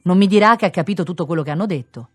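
A woman's voice: on the low side, racing, breathy edge, dry recording, soft background music. A woman reading a storybook, voicing a disapproving old lady who asks sniffy, indignant questions. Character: sharp, disapproving old woman, neither kind nor mean.

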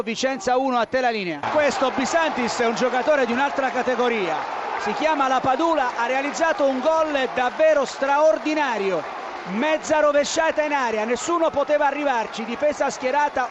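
A man delivering emphatic live football updates as a radio correspondent. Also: extremely high pitch. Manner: emphatic, admiring. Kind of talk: live match update commentary. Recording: dull feed, noisy stadium crowd.

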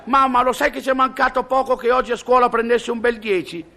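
A man's voice: very high voice, steady tone, brisk, creaky, sharp tone, slight background noise, pitched above the performer's own voice, full character voice. A man voicing an eager young schoolboy talking to his mother in a told joke. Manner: eager, childish. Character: boastful little schoolboy.

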